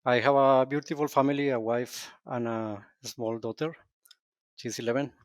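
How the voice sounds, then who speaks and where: A man from Colombia, a podcast guest speaking in a thoughtful, measured way with some restarts. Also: mid-range voice, fairly even intonation, no room sound, studio quality. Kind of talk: podcast interview.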